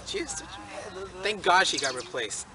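High, animated teen guy telling a story. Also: normal speed, a crowd in the background. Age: teens. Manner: animated, laughing, swearing, acts out others' lines. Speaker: vlogger. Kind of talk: casual storytelling. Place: indoors at a house.

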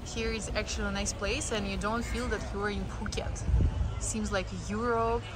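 A woman vlogger narrating her day in relaxed, chatty, slightly broken English over loud music. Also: mid-range voice, normal speed, heavy background noise. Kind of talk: casual vlog narration.

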